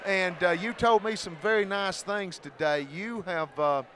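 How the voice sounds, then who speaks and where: A man's voice: high-pitched, a little slow. A man with an Appalachian accent and a folksy manner, working as a sports announcer doing commentary and courtside interviews. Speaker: radio play-by-play announcer, host. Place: indoor basketball gym during a game. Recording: noisy gym with crowd and bouncing balls.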